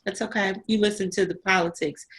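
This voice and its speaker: A woman's voice: mid-range voice, fairly even intonation, brisk, slightly rough, low-quality recording. A woman hosting an online panel interview over a video call, effusive and emotional as she encourages her young guests. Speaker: host.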